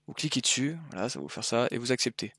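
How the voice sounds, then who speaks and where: A man's voice: mid-range voice, expressive, quick pace, fairly bright tone, breathy edge, dry recording, studio quality. A young man walking viewers through streaming settings in a casual, rambling tutorial, often correcting himself mid-sentence. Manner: rambling, self-correcting, informal. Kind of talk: casual screen-recorded tutorial.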